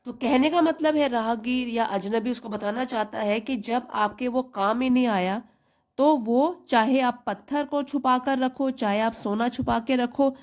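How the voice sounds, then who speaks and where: A woman teacher reads a short story aloud in small chunks. She talks very slowly and carefully and explains each phrase in Hindi. Her voice sits a little high. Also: a little mellow. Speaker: English teacher. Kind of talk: slow bilingual reading lesson.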